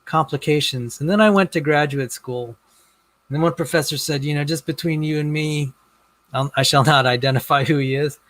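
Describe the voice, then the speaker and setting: Halting man with a slightly high voice. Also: fairly bright tone, no echo. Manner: halting, repeats words as he restarts. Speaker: guest in a debate on creation and science. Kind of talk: casual video-call conversation.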